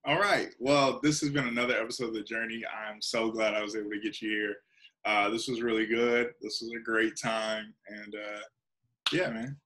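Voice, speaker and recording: A man's voice: fairly low pitch, level tone, moderate pace, pushed and bright. A man hosting a podcast, chatting in a laid-back, affirming and playful way with his guest. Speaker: podcast host. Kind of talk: casual interview chat.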